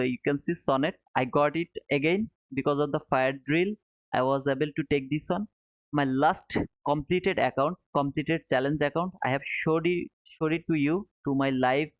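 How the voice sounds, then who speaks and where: Heard through a narrow, phone-like connection in an echoey room, a Bangladeshi man in his 30s with a fairly high voice hosts a live trading stream. He chats casually, answering viewer comments with short repeated phrases and pal-like address.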